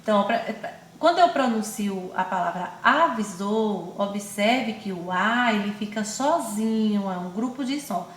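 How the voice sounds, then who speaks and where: A woman with a Brazilian accent teaching young children in an online class, speaking affectionately and stretching words out slowly syllable by syllable. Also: medium pitch, expressive, reverberant, a little hiss or hum. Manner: affectionate, calls pupils "my loves" and herself "auntie". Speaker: primary school teacher.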